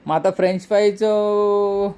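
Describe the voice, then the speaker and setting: A man in his thirties, a father and vlog host, gently and playfully questioning his small daughter in a casual home video. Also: high-pitched, flat delivery, a little slow, a little hiss or hum.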